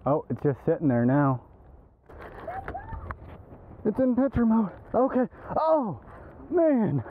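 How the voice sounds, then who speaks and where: A young man from East Texas films a fishing video on a swampy pond bank, chatting excitedly in casual, slangy vlog style. His voice is high-pitched and slow, and the body-worn action camera captures muffled, narrow-band audio with outdoor noise.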